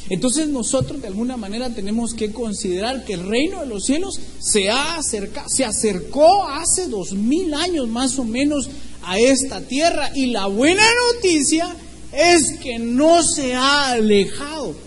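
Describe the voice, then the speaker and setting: A man's voice: very high voice, expressive, unhurried. A man preaching an informal sermon in a church hall. He keeps putting questions to the congregation and often restarts his sentences. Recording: echoey hall with faint background noise.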